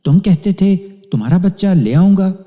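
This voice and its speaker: A man's voice: wildly swooping pitch, mellow. A man voicing a frantic young mother who wails and pleads for her child. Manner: shrill wailing pleas. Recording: long hall reverb.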